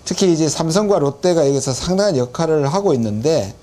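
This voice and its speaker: A professor acts as a field correspondent, giving a conversational on-site report and commentary that is explanatory and lightly self-mocking. His voice is a little high and dark in tone, with lively intonation and a quick pace.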